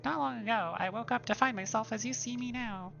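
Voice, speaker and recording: A woman voicing an excitable, formal male historian character from a game. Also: a little high, a little fast, gravelly, dull audio, soft background music, voice pushed up. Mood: excited formal. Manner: formal, eager, over-polite.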